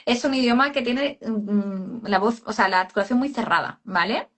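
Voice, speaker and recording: A woman's voice: a little high, normal speed, a bit bright. A woman speech therapist explaining voice work in a casual live chat, calling people "cariño". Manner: explanatory, addresses listener as cariño.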